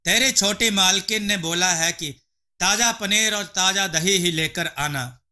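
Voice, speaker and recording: Man doing a haughty landlord, contemptuous, scolding, high-pitched, very sharp tone, slow delivery. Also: full character voice. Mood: exasperated. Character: arrogant, harsh rich male landlord.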